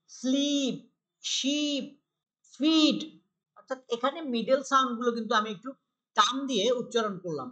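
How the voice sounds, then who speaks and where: A woman's bright, somewhat high voice with a Bangladeshi accent leads a primary English lesson. She reads English lines slowly, then explains them patiently and repeats each word for pupils to copy. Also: low-quality recording. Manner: patient, repeats words for practice. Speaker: primary school English teacher. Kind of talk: textbook lesson for young pupils.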